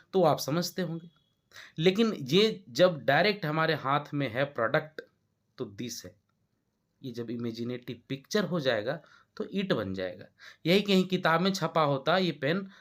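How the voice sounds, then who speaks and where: A man with an Indian accent teaching English grammar in a classroom-style lesson, often stopping to check that students follow. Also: fairly high pitch. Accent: Indian Hindi-speaking. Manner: explanatory, checks understanding with repeated questions.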